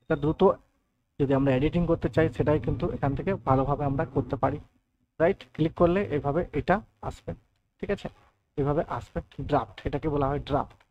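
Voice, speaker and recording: A man giving a step-by-step software tutorial over a screen recording, checking in with his listeners often. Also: a little high, muffled recording, a little hiss or hum. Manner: explains step by step, often adds "thik ache" and "right". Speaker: computer tutor.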